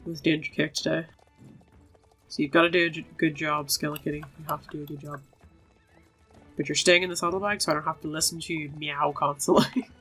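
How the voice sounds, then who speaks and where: The audio is poor: a low-pitched, fairly bright woman's voice with a breathy edge, steady in tone and fairly quick, over game music. A gaming host, she gives chatty commentary, reads dialogue aloud, and talks to herself and her virtual animals.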